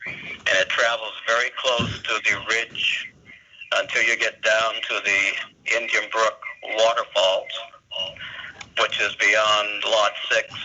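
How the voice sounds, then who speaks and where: A man heard over a phone held up to another phone, giving a slow, deliberate public comment at a meeting. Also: fairly low pitch, bright, forceful tone. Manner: slow, deliberate, measured delivery. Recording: muffled lo-fi phone line with faint hiss.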